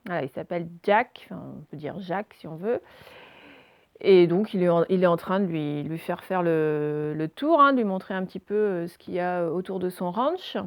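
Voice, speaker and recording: A woman's voice: on the low side, normal speed, no room sound. A woman teaching reading and handwriting to young children remotely, recorded on a phone, explaining step by step with frequent hesitations. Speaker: primary school teacher.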